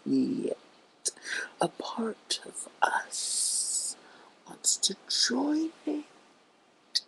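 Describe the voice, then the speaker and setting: A drunk person rambling through a brooding rant to camera in a halting, whispery rasp, close to the phone. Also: medium pitch, big pitch swings, a bit bright, low-quality recording. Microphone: phone held very close to the mouth.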